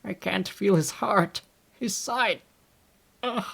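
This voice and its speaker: A man reading a novel aloud, voicing a desperate male doctor who shouts orders during a struggle. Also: high voice, slow, vocal fry, pitched above the performer's own voice, heavily acted. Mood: shaken. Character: a frantic male doctor in a brawl.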